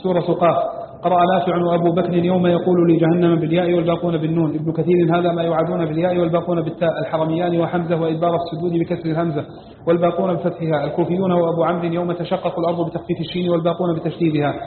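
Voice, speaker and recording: A man reading a classical text aloud at speed, in an even and steady recitation. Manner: fast, even reading with little pitch movement. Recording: echoey hall on a tinny, hissy line.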